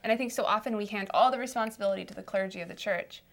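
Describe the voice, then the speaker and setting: A woman's voice: medium pitch, rapid-fire. A young woman leading a casual Bible study discussion, chatty and full of "like" and "you know", often affirming the others. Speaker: discussion leader.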